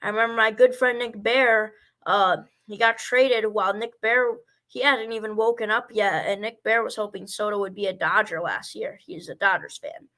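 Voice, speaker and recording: Bright high-voiced rambling baseball commentator man. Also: fairly even intonation, moderate pace. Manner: rambling, stumbles over player names. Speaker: play-by-play and color commentator. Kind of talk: amateur baseball play-by-play commentary.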